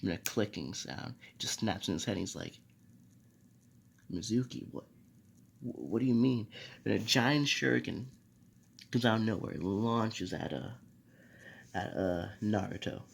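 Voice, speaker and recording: A man's voice: lowish voice, moderate pace, creaky, a bit bright. A young man casually narrating a fan-made anime story, rambling with fillers and restarts.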